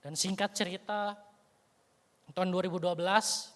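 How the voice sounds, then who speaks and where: Long reverb from the church hall surrounds an evangelist preaching in the sanctuary. His voice is high and a bit bright, with fairly even intonation and a moderate pace, while he dramatically recounts a story in a chatty way full of "you know" tags.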